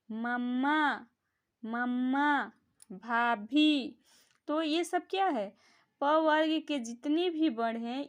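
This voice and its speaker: Woman, grammar teacher, high voice, slow deliberate pace, patient drilling of sounds. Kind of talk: classroom-style grammar lesson.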